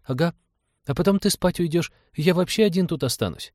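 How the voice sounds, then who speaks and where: A man's voice: fairly high pitch, a little fast, darkish tone, dry recording, clean studio sound, pitched above the performer's own voice, close to an everyday voice. Man putting on an eager chatty little boy. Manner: eager, whiny questions. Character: excitable young boy, curious and chatty. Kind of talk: audiobook character voice.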